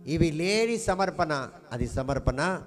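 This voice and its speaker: A male pastor delivers a sermon in a somewhat high voice. He keeps asking the congregation questions and repeats key words for emphasis. His voice rings with the long reverb of a large hall over faint background music. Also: lively intonation, slow. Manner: call-and-response, questioning the congregation with emphatic repetition.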